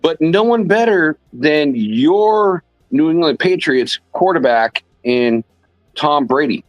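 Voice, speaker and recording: A man's voice: on the high side, animated, slow pace, dry recording, faint music behind, rough recording. An older man on a casual podcast panel who rambles and repeats himself for emphasis.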